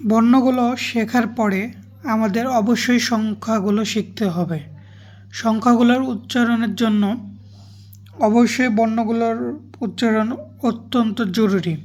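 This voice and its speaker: A woman narrating a language lesson in a slow, explanatory way, posing rhetorical questions to the learner. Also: fairly high pitch. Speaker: language teacher.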